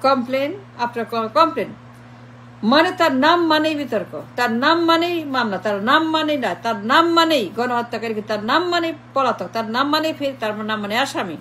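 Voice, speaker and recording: A woman with a high, animated voice and a fairly bright tone talks briskly over slight background noise. Playing the political commentator, she gives a mocking monologue, repeating lists of insults and slipping into English phrases.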